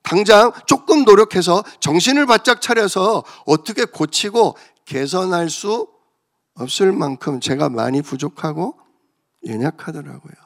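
A man's voice: sits high, animated, unhurried. A man pastor preaching an emotional, confessional sermon that builds in intensity.

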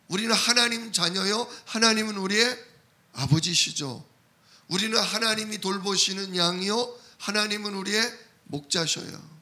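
A man's voice: high-pitched, bright, forceful tone. A man preaching a sermon, asking the congregation questions and answering them himself, and acting out complaints and replies. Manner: call-and-response questions to the congregation; acts out complaints and God's replies in quoted voices. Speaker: pastor.

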